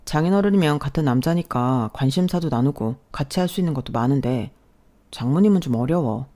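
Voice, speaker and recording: A woman's voice: very deep voice, lively intonation, fairly quick, dark tone. A woman voicing an evasive husband in a radio drama, sheepishly making excuses. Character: evasive young husband, awkward.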